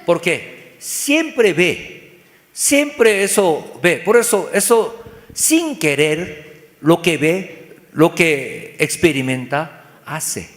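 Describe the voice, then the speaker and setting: Male pastor, higher voice, unhurried sermon delivery, long church-hall echo. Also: expressive, a bit bright. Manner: simple broken Spanish, rhetorical questions, acts out dialogues.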